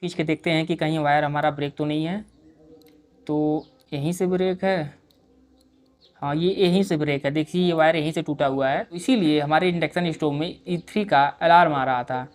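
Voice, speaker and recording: The man in this repair video speaks at normal speed in a voice on the high side. He calmly explains every step while working and keeps calling viewers his dear friends.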